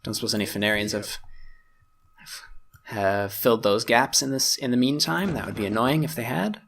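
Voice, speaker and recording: Guy chatting through a strategy game playthrough, gravelly voice, talking to himself, self-mocking. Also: mid-range voice, normal speed, a bit bright. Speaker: gaming YouTuber. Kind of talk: casual let's-play commentary.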